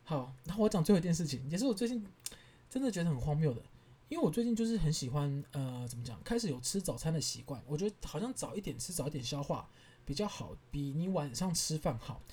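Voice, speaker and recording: A man in his thirties with a Taiwanese Mandarin accent, hosting a podcast and telling stories in an animated, exasperated way, laughing as he goes. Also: on the high side, quick pace, slightly rough. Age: 30s. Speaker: podcast host. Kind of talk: casual storytelling monologue.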